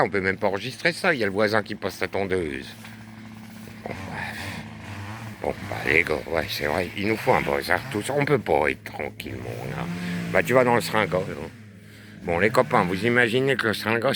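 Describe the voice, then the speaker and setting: A man with a deep bass voice chatting in playful, teasing banter, drawling his words and joking with his companion in a garden. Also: animated, normal speed, background noise. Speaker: puppet-show host. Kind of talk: improvised comic banter. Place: garden outdoors.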